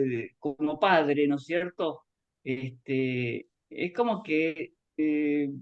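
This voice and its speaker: Here a fairly high but darkish voice belongs to a middle-aged guest author who was born in Japan and grew up in Argentina. His online testimony wanders conversationally through personal memories, with him voicing the dialogue he recalls, all over muffled, low-fidelity call audio.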